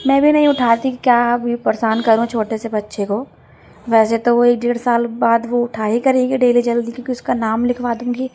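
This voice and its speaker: A young woman with a hoarse, heavy voice from a sore throat, chatting casually and rambling through her day in a home vlog, often grumbling and correcting herself. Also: on the high side, level tone, normal speed, mellow. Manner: rambling, complaining, self-correcting. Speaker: home vlogger.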